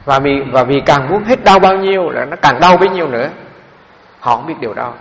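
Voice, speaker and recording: The dharma talk comes from a middle-aged Buddhist monk whose fairly bright voice sits on the high side and moves briskly, rambling through stories with frequent fillers. Slight background noise is audible, and the hall recording is echoey and dull-sounding lo-fi.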